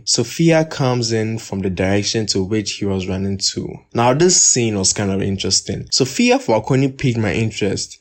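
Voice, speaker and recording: Low-voiced man recapping a film. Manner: steady, measured plot retelling with personal asides. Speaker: film reviewer. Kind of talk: movie recap and commentary voice-over.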